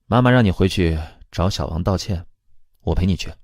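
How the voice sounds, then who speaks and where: A man's voice: low voice, fairly quick, darkish tone, dry recording, studio quality. A man voicing a cold, blunt older sister who talks in a cool, matter-of-fact way.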